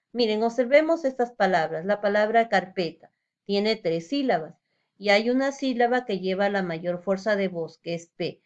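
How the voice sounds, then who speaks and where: A woman's voice: medium pitch, a little mellow, lo-fi sound. A woman teacher giving a recorded lesson, explaining step by step and asking rhetorical questions.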